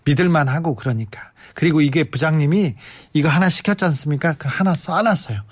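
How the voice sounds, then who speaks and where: A middle-aged man hosting a live radio show, chatting casually as he reads out listener messages, swinging between excited bursts and softer asides. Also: fairly high pitch, a little fast, no echo.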